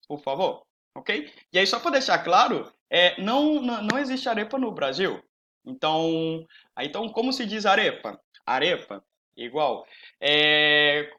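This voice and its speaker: A young man, teaching a recorded Portuguese lesson slowly and patiently, repeating and spelling out words. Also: on the high side. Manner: lively up-and-down intonation. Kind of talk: recorded online language lesson.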